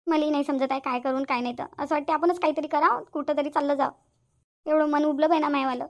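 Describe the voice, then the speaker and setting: A woman's voice: high-pitched, steady tone, quick pace, muffled recording. Woman doing a fretful village mother. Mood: worried. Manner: fretful, scolding, sighing complaints. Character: worried middle-aged village mother, weary. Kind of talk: cartoon voice acting.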